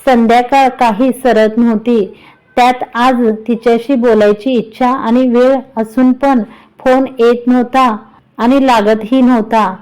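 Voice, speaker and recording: Slow-reading woman storyteller. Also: fairly high pitch, steady tone, a little mellow, clean tone, rough recording. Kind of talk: scripted story narration.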